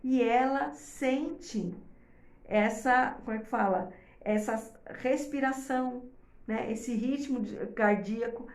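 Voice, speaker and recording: Woman host, gravelly voice, echoey room, chatty advice-giver. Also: fairly high pitch, takes it slowly. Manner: explains step by step, often checks in with "tá?". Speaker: host giving advice to mothers. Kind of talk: casual advice talk to viewers.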